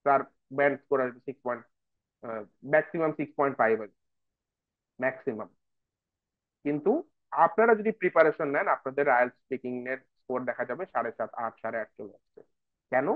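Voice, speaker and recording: A man's voice: medium pitch, expressive, a little fast, pauses often, no echo, narrow, tinny audio. A man teaching an online IELTS speaking class, explaining patiently and slipping into English phrases. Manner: explanatory, addresses viewers as brother and sister, switches into English phrases. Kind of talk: online lesson mixing Bengali and English.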